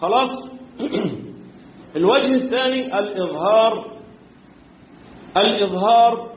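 Tajweed teacher, male, Egyptian accent, high voice; quizzes students, chants verses. Tinny echoey room recording. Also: a little slow, slight background noise. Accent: Egyptian Arabic. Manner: quizzes students, answers his own questions; clears his throat often. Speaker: Quran recitation teacher. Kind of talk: tajweed lesson.

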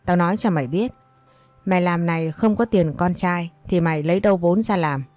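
A woman's voice: on the low side, brisk, darkish tone, dry recording, faint music behind, close to an everyday voice. A woman reading the part of a bitter, scolding older mother-in-law who wails accusations. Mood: scornful. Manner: accusing, wailing complaints.

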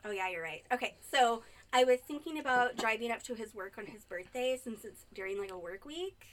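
A woman in her thirties with a Michigan accent hosting a casual podcast chat, loud, giggly and animated. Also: fairly high pitch, a little fast. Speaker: podcast host.

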